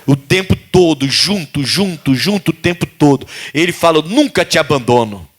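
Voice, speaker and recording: A man's voice: on the high side, expressive, moderate pace. A man preaching a sermon as pastor, asking the congregation questions and acting out desperate cries.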